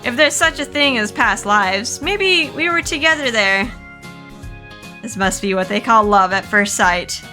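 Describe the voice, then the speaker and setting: A woman's voice: fairly high pitch, lively intonation, a little slow, sharp tone, faint music behind. A woman voicing a dreamy young college student, reading game lines aloud in a wondering tone.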